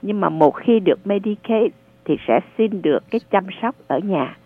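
A woman advising callers on a radio call-in show, explaining benefits in a patient, measured way. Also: medium pitch, animated, no echo. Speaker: radio advisor on social services. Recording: narrow phone-like sound.

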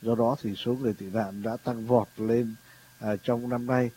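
A man presenting news commentary on the radio, haltingly, with frequent hesitations. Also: medium pitch, flat delivery, warm tone, slight background noise, low-quality recording.

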